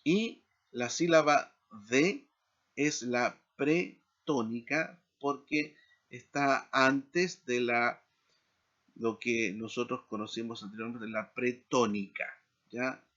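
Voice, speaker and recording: A man's voice: medium pitch, slow, a bit bright. Guy teaching hebrew, takes his time, keeps checking in with little tag questions, a bit muffled lo-fi audio. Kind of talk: recorded lecture.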